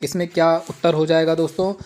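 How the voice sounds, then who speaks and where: Male exam-prep tutor, fairly high voice, reads options slowly and explains plainly. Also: little pitch movement, darkish tone. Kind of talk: Hindi exam-prep lesson with slow Sanskrit reading.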